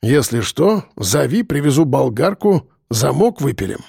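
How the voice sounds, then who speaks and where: A man's voice: mid-range voice, big pitch swings, measured pace, vocal fry, a little mellow, slightly rough, no room sound, studio quality, full character voice. A man voicing a blunt, coarse-talking male friend.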